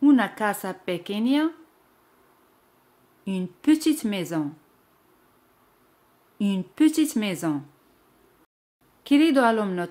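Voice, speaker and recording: Woman, language teacher, measured, very slow delivery, repeats words clearly, mid-pitched voice. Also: darkish tone. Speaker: French teacher.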